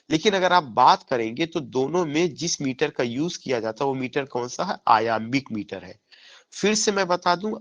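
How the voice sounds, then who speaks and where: A man's voice: mid-range voice, creaky, fairly bright tone. A man teaching English literature for an exam, mixing Hindi with English terms and answering his own questions to drill key points. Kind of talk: exam-prep lecture.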